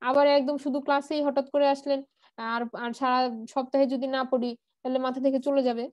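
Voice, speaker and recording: High-voiced woman teaching patiently. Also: level tone, darkish tone, no echo, lo-fi sound. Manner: patient, repeats word forms slowly, asks questions and answers them; mixes English words into her talk. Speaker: Arabic grammar teacher. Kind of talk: online class lesson.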